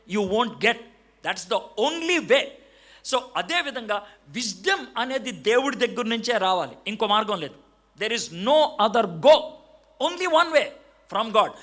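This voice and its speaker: A middle-aged man preaches a lively sermon in a high, bright voice. His pitch leaps up and down as he acts out short dialogues and slips into English phrases. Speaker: evangelist preacher.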